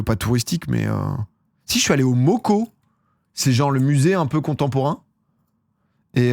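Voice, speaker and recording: A man's voice: medium pitch, dry recording, studio quality. A young man from France chatting casually on a live stream, rambling and slangy, often laughing at himself. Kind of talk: casual chat with chat viewers.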